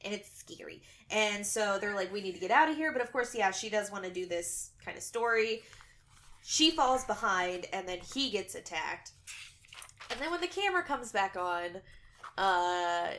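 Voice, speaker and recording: A young woman talks through a horror movie on a podcast in a loose, rambling way, with lots of 'um' and 'like'. Her pitch sits in the middle, and her tone is relaxed and conversational. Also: moderate pace. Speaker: podcast co-host. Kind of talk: casual film review chat.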